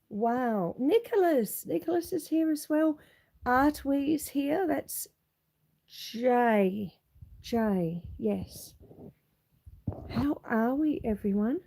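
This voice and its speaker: A middle-aged Australian woman greets viewers in a casual chat on a live stream from her homestead, filming outside with her phone camera, her voice husky and hoarse from a cold. She sits high and sounds expressive and dark-toned, drawing out words and pausing often.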